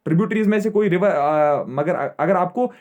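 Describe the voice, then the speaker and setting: A young man with a notably high voice teaches an exam-prep geography lesson. He drills key points over and over and checks in with his students after nearly every sentence. He keeps quizzing them and then answering his own questions. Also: lively intonation, normal speed, darkish tone, lo-fi sound. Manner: repetitive, checks in with "theek hai" constantly.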